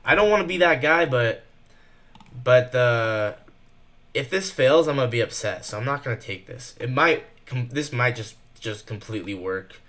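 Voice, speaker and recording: A nervous young man giving fast live commentary while trading, thinking out loud and rushing his words. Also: mid-range voice. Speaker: day trader streaming live.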